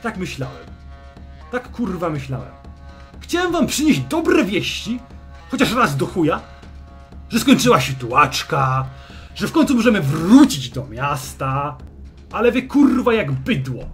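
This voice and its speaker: Man doing a fantasy army general, foul-mouthed, sarcastic, shouting, raised pitch, swinging delivery. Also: sing-song, normal speed, faint music behind. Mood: menacing angry. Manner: shouting, sarcastic, swears constantly. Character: foul-mouthed middle-aged human army general, gruff drill commander. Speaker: fantasy general addressing troops.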